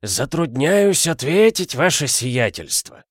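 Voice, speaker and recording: Old household butler, man reads him; slow, stately, creaky. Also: a little high, big pitch swings, no room sound, studio quality, pitched above the performer's own voice, full character voice. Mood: dignified. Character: dignified old male butler.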